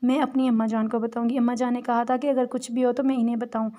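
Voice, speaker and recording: A woman's voice: fairly high pitch, level tone, fast, warm tone, natural voice. Woman voicing a timid, stubborn young bride. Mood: pleading. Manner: stammering, pleading.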